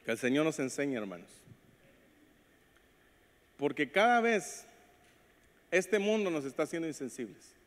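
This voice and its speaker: A man delivers a sermon as pastor, his fairly high voice ringing through a hall with long reverb. He speaks directly to the congregation and acts out the voices of the people in his stories. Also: sing-song, a little slow, long pauses. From Latin America. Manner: preaches with acted quotes and call-outs to the congregation. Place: church sanctuary.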